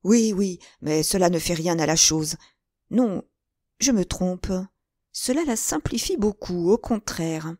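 A woman reading aloud and voicing a young hot-headed male musketeer, eager and quick to exclaim. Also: fairly low pitch, no echo, clean studio sound. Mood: excited. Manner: eager, rising to excited exclamations.

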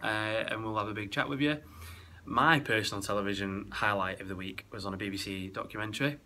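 A man's voice: fairly low pitch, steady tone, fairly quick, pushed and bright, a little hiss or hum. A young man co-hosting a casual gym vlog, joking around and laughing as he rambles. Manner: jokey, laughs often, rambling. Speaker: co-host. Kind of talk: casual chat.

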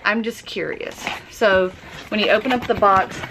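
A young woman talks through an unboxing in a chatty, excitable way, gasping with delight now and then. Her voice sits at a middling pitch. There is a faint hiss of noise behind her at home. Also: normal speed. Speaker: YouTuber. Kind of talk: casual unboxing vlog.

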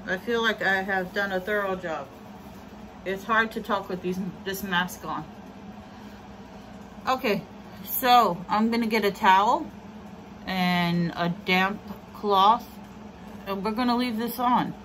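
A woman's voice: medium pitch, takes it slowly, pauses often, a bit bright, poor audio. Woman talking through a face mask. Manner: chatty, self-mocking. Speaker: beauty vlogger. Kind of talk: casual product review. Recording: faint air conditioner hum. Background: air conditioner hum.

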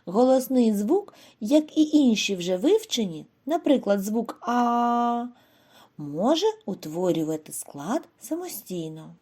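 Slow, breathy Ukrainian woman teacher. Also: on the high side, very animated, mellow. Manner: slow, clear, sing-song delivery. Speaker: primary school teacher. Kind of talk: scripted lesson narration for young children.

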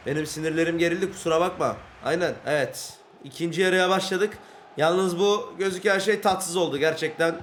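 A young man hosting a gaming channel, giving live commentary on his own football match and getting worked up, shouting and swearing at the players. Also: a little high, fairly quick, a little hiss or hum. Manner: excitable, shouts and swears at the game.

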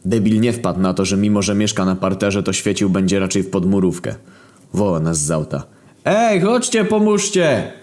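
Casting: low-voiced man, dry deadpan narrator for a foul-mouthed comic tale. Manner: deadpan storytelling, heavy swearing. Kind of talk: scripted narration of a comic internet story.

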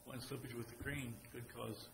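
A man's voice: medium pitch, level tone, moderate pace. A man on council making emphatic points and repeating words as he builds his argument. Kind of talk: meeting discussion. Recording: clear background noise from the room.

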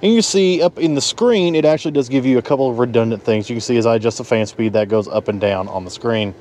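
A car reviewer with a mid-range, slightly mellow voice talks fast as he does a casual walkaround of a pickup truck at a dealership, in and around the vehicle. He's folksy and conversational while pointing out features, with slight background noise.

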